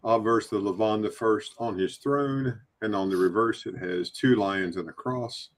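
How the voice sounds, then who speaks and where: Man, coin stream co-host, lowish voice, teasing banter. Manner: teasing, quick banter between coin descriptions. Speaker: livestream coin seller. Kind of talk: casual livestream chat.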